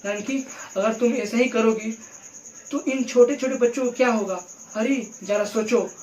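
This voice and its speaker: A man's voice: very high-pitched, fairly even intonation, moderate pace, darkish tone, reverberant, far from the mic, poor audio. A man voicing an older woman who soothes and coaxes a weeping widow. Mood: consoling.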